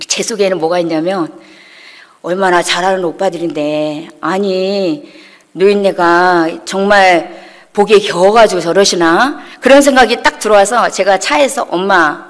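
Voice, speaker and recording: A woman's voice: medium pitch, a little slow. A middle-aged woman telling a personal testimony in church, acting out quoted dialogue with feeling. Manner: emotional storytelling, acts out quoted dialogue. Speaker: church member giving testimony. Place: church sanctuary. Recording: long hall reverb.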